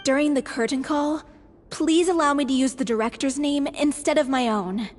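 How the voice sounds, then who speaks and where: A woman acting a high, earnest young performer. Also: a little hiss or hum, natural voice. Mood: earnest, polite. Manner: polite, sincere, measured. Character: earnest, polite, grateful stage performer. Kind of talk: voice-acted game dialogue. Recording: long reverb, music behind.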